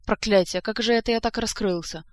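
A woman reading aloud, voicing a rough male gunfighter who growls and snaps angrily. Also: mid-range voice, brisk, no echo, voice pushed up, lightly acted. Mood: angry. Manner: growling, snarling. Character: rough tough man, gunfighter.

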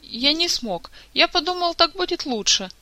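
A meek, emotional young man with a voice pitched up high, pleading and near tears, as a reader puts him on. The sound is bright and dry. It comes from a storybook reading. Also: animated, brisk, dry recording, exaggerated voice. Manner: pleading, tearful, higher pitched. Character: timid emotional young male leader.

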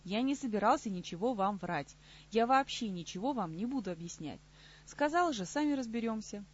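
A woman's voice: mid-range voice, lively intonation, normal speed, slightly rough. A woman voicing a blunt young male telepath in an audiobook, curt and grumbling, on slightly muffled audio. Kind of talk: audiobook character reading.

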